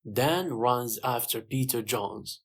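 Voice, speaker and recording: A narrator reading a simple story slowly and clearly for English learners. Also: mid-range voice. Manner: slow, clear, simple sentences.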